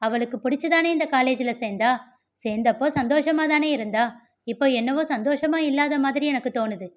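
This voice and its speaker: A woman's voice: high-pitched, fairly quick, highs cut off, natural voice. A woman voicing a stern, protective young man, an older brother who talks firmly and questions everyone. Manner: firm, questioning, commanding.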